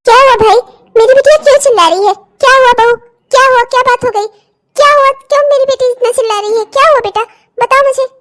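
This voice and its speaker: A woman's voice: very high voice, fast talker, a bit bright. A woman voicing a bossy older mother-in-law in a cartoon, lecturing her new daughter-in-law in a scolding manner. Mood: concerned. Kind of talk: cartoon voice acting.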